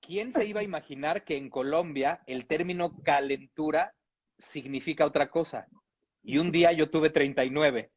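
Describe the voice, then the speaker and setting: A man's voice: fairly high pitch, normal speed. A man from Mexico reading a humorous text aloud in a playful, amused way, with chuckles now and then. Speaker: reader. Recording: dull lo-fi audio.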